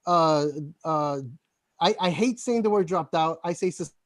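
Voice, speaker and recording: Casting: man, high voice, volunteer thanking on a video call, stammers and restarts, dry close sound. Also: no echo. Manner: halting, stuttering, many restarts. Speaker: campaign volunteer. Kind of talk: casual video-call chat.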